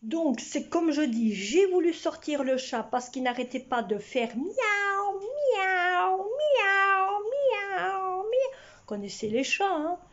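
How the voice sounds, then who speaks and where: A woman in her sixties, talking to her camera at home with a high voice and an unhurried pace. She rambles along, circling back and repeating herself. The sound is a bit muffled, like a home video. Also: very animated. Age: 60s. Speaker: vlogger. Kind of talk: casual chat to camera. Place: at home, indoors. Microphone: camera in front of her.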